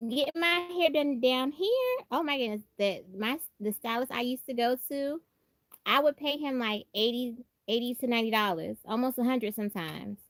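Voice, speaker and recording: A woman from Brooklyn, New York, hosts a livestream, chatting casually and expressively and repeating phrases for emphasis. She has an American accent tinged with country Southern, and her high-pitched, fairly bright voice has no echo.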